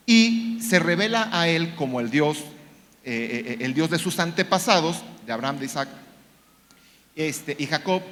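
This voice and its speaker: A man's voice: a little high, a bit bright. A man preaching a sermon, retelling a story with acted-out quotes, many fillers and repeated words. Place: church. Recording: long church reverb.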